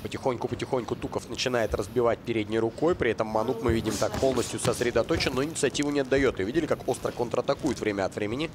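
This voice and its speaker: A man's voice: mid-range voice, racing, few pauses. A man giving live sports commentary as a boxing co-commentator. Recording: arena crowd noise behind voice. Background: boxing crowd.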